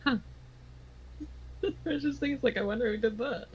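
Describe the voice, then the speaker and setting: A woman player doing tabletop character role-play with slow, playful, drawn-out lines. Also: high-pitched, a bit bright, dull audio.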